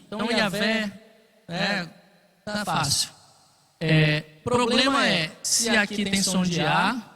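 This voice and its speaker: Guy teaching bible class, high bright voice, keeps checking in, echoey hall. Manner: explains patiently, with frequent check-ins. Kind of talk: classroom lecture.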